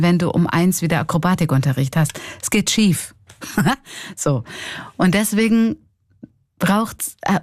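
A woman's voice: fairly low pitch, a little mellow, no echo, studio quality. A middle-aged woman with a Swiss German accent, a clown and comedian, talking candidly and reflectively in an interview. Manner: reflective, candid, laughs often.

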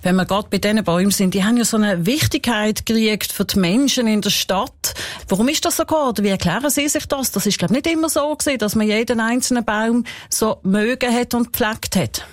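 A woman, asking interview questions in a quick, conversational way. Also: a little high, dry recording, studio quality.

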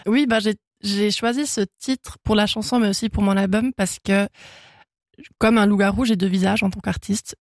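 In a casual radio interview, a young Swiss woman whose first language is German chats as a singer-songwriter guest in the studio, laughing often and full of fillers and restarts. Her medium-pitched voice is steady and a little mellow at a moderate pace. The recording is dry.

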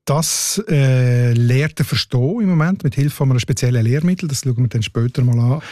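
A man's voice: mid-range voice, moderate pace, mellow, no room sound. A man with a Swiss German accent explaining language matters on a radio show, often ending his sentences with a questioning tag. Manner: explanatory, tags sentences with "oder?". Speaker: language expert co-host.

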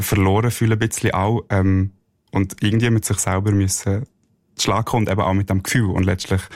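A Swiss German man talks about his music on the radio in a reflective, halting way. His voice is very deep and quite flat in its melody, and the studio sound is close and dry. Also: no echo. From Switzerland. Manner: reflective, hesitant, laughs softly. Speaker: musician guest. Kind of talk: radio interview.

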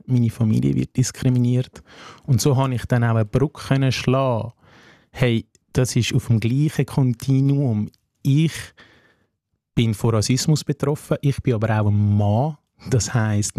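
Earnest guy w swiss german accent, mellow voice, dry close sound, thinking out loud in an interview. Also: mid-range voice, no room sound. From Afghanistan. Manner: earnest, measured, with many "hey" asides. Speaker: social worker, interview guest. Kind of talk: reflective interview talk.

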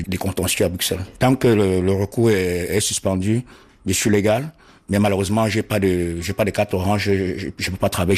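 A man from Cameroon, interviewed about his situation, speaking earnestly and haltingly, often repeating words as he searches for them. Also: sits low, husky. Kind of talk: interview testimony.

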